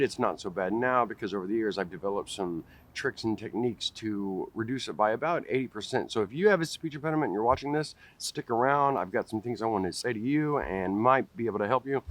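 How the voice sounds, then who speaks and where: A man in his forties who stutters talks directly to camera outdoors in a park, repeating first sounds and restarting words. He's a vlogger with a lowish voice, filmed close up at face level with no room sound.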